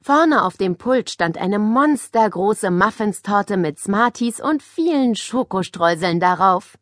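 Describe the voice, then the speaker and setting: A woman narrating a children's audiobook in a lively, expressive reading style. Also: mid-range voice, slow pace, no echo, clean studio sound.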